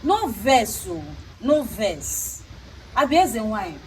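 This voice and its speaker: A woman's voice: a little high, sing-song, takes it slowly, slight background noise, low-quality recording. A woman with a Nigerian accent talking in a stern, scolding way, repeating herself for emphasis. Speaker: traditional priestess. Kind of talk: unscripted confrontational talk.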